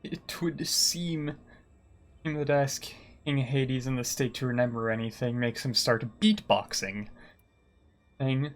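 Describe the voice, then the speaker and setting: A man's voice: medium pitch, steady tone, a little slow. A man giving casual, joking commentary while playing a video game. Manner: joking, wry asides. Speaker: gamer streaming a playthrough.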